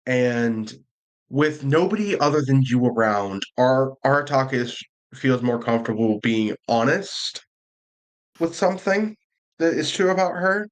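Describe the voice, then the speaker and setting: A man's voice: mid-range voice, lively intonation, rough recording. Chatty male dungeon master. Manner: chatty, quick, laughs often. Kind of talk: running a tabletop game.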